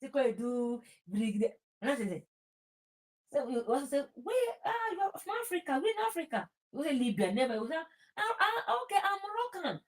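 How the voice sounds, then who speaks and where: Her voice sits high with big pitch swings at normal speed: a Nigerian-accented woman hosting a talk show. She delivers informal, impassioned political talk, emphatic about her views, repeating phrases and slipping into Pidgin.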